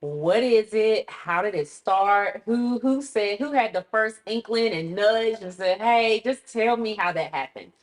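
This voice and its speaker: A woman hosting a casual interview, asking curious questions with quick affirmations. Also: medium pitch. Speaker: host.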